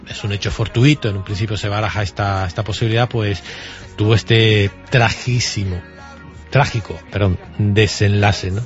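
A male radio host, introducing a news story and interviewing a guest, often ending phrases with a questioning tag. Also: mid-range voice. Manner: hesitant, tags ¿no? often. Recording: muffled radio broadcast.

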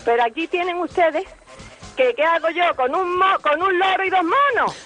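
A woman's voice: extremely high pitch, lively intonation, normal speed, fairly bright tone, faint music behind, rough recording. A woman, telling a story as a caller on a radio show and acting out the voices of the people in it. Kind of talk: phone-in anecdote on a radio show.

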